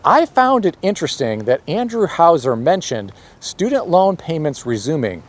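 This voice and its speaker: A middle-aged man delivers scripted finance commentary, measured and opinionated, slipping into sarcasm now and then. His voice sits a little high for a man and moves through a wide, animated pitch range. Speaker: personal finance channel host. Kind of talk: scripted commentary read aloud.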